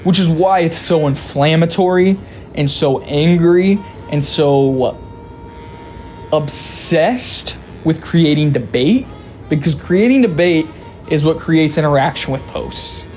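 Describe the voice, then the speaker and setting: A man's voice: fairly high pitch, darkish tone. A man giving opinionated video commentary in a candid, conversational way, swearing freely. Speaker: video reviewer. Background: faint background music.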